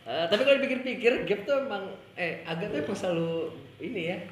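A man's voice: sits high, animated, fast talker, reverberant, slight background noise. A man co-hosting a casual podcast, rambling in slang and laughing often. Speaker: podcast co-host.

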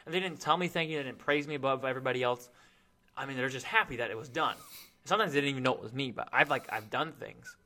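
Co-host, male, bright tone, earnest, rambles and restarts. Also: mid-range voice, fast talker. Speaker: co-host of a Bible talk. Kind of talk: casual faith discussion.

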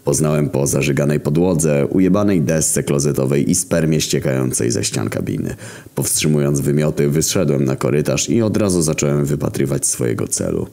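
A man's voice: very deep voice, lively intonation, a little fast, gravelly, hardly any pauses, dark tone. A man narrating a crude, sardonic first-person story full of swearing.

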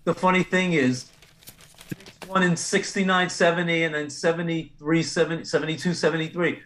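An older man on a casual sports talk panel, measured and skeptical in his opinions. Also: a little high, fairly even intonation, fairly bright tone, rough recording.

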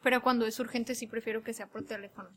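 A woman's voice: on the high side, fairly even intonation, fast talker, fairly bright tone. A woman, chatting casually and giving frequent short backchannels. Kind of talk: casual chat.

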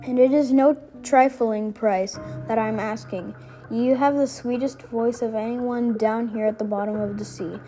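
Brief: cruel old sea witch in a storybook reading, mellow voice, halting delivery, read by a woman. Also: a little high, fairly even intonation, faint music behind, close to an everyday voice, rough recording. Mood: menacing. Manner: halting, rereads stumbled words. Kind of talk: reading a fairy tale aloud.

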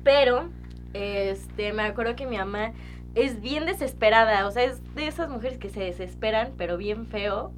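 Young mexican woman on a podcast, kinda high voice, slangy and animated, faint music under it. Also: moderate pace. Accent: Mexican Spanish. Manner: slangy, animated storytelling, acts out her younger self. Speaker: podcast co-host. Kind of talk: casual chat.

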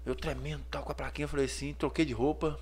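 A Brazilian man, a clothing store owner, telling lively stories in a casual podcast interview and acting out the voices of people in them. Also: a little high, quick pace, crowd noise. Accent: Brazilian Portuguese. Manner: lively storyteller, acts out voices and sounds.

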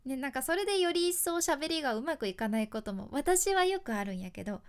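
A woman's voice: high voice, lively intonation, brisk. A woman podcast host, a freelance announcer with a Kyushu accent, mixing polished announcer delivery with chatty dialect asides. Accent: Kyushu Japanese. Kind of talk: casual podcast talk with tips.

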